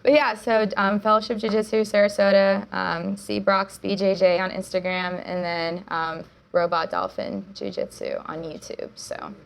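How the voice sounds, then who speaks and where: A woman's voice: mid-range voice, level tone, moderate pace, vocal fry, hardly any pauses, clean tone. A young woman, a jiu-jitsu coach, talking as a guest in a casual chat, upbeat and full of fillers and laughs.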